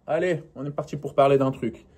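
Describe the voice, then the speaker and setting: A man's voice: mid-range voice, fairly even intonation, a little fast, a little mellow. Male vlogger, casual solo monologue, hesitant, lots of "euh", restarts mid-sentence. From not northern France. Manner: rambling, hesitant with many fillers and restarts.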